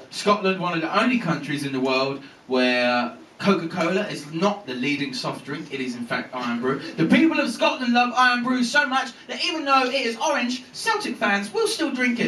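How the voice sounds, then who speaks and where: A young man doing a stand-up comedy set, telling a story with lively delivery and plenty of swearing. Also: high-pitched, slight background noise. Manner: animated storytelling, swears freely, acts out voices. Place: comedy venue with a laughing audience. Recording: roomy live stage recording from a distance.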